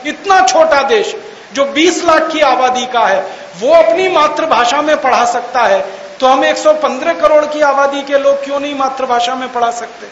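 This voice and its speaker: Man, very high voice, bright and forceful, mocking rhetorical lecture, spells words out, echoey hall with faint hiss. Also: moderate pace, highs cut off. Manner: mocking, argumentative, rhetorical questions; spells out words letter by letter for emphasis. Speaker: public speaker. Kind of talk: lecture to an audience.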